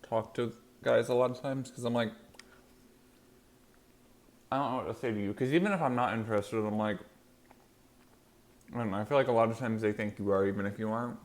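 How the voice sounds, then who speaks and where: A man's voice: medium pitch, fairly even intonation, fairly quick, long pauses. A man hosting an eating show, chatting casually and in a rambling way to viewers while chewing as he talks. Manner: rambling, loosely strung thoughts. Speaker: mukbang host.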